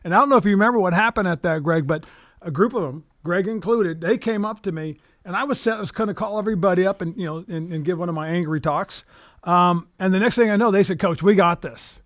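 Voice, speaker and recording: Older male coach host, high voice, dry close sound, earnest storyteller. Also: fast, dry recording. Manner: earnest storytelling with frequent restarts. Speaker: host, former head coach. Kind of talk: reminiscing conversation.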